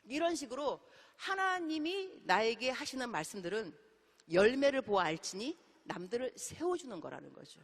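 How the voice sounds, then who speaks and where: A middle-aged woman missionary preaching a sermon in a church, telling stories in an animated way and acting out the dialogue. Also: on the high side, moderate pace. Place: church sanctuary. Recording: long hall reverb.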